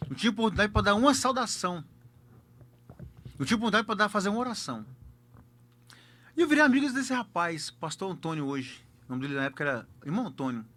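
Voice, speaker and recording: A man's voice: high-pitched, very animated, quick pace, pauses often, sharp tone. A man with a Brazilian accent, a pastor telling a personal testimony emphatically and repeating key words for effect.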